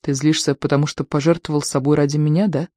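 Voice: mid-range voice, level tone, fast, a little mellow, dry recording, clean studio sound, lightly acted. A reader doing an earnest young prince. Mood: wry. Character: young male prince, hunter. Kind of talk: audiobook character voice.

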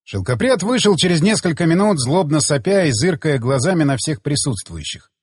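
A man narrating an audiobook with expressive storytelling. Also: on the high side, normal speed, breathy edge, dry recording, clean studio sound, in a large hall. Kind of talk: scripted narration.

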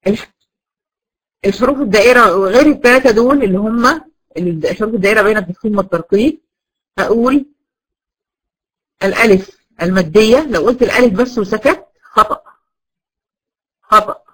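A woman's voice: medium pitch, brisk, long pauses, poor audio. A woman with an Egyptian accent teaching a class of girls, posing questions and answering them herself while drilling each point again and again. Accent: Egyptian Arabic. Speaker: Quran recitation teacher.

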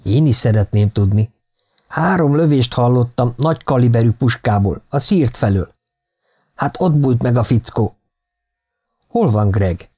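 A man's voice: mid-range voice, expressive, pauses often, a little mellow, natural voice. Man voicing a wounded middle-aged businessman, tense and shaken, audiobook.

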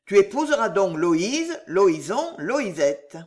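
A reader voicing a gruff, loud old soldier of fortune who swears heartily, in an audiobook. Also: medium pitch, big pitch swings, slow. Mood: earnest. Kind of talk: audiobook character reading.

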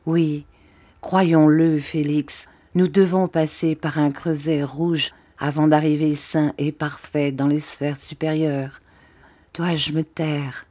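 A woman's voice: low-pitched, flat delivery, takes it slowly, dark tone. A woman reading the part of a tormented, devout young countess in an audiobook, pleading and questioning. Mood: anguished.

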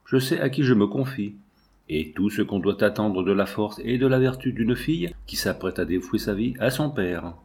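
A man's voice: fairly low pitch, expressive, normal speed, darkish tone. A man reading the letter of a cautious governor in a formal, solemn manner. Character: stern, cautious male governor writing a letter.

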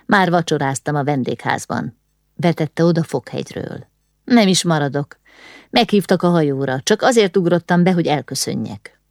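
A woman's voice: fairly low pitch, lively intonation, a little mellow, no echo, studio quality. Woman reading as an irritable young nobleman. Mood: impatient. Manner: impatient, curt.

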